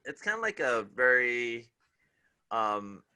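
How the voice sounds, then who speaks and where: A man co-hosting a casual show review, talking in a relaxed way and trailing off mid-thought. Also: medium pitch, takes it slowly, clear, resonant tone. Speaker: podcast co-host.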